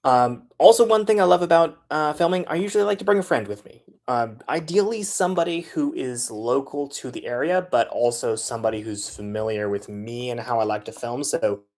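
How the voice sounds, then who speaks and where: A transit video creator with a medium-pitched voice casually explains how he makes his films. His how-to talk is loose and chatty, with frequent filler sounds as he pauses to work out his next point.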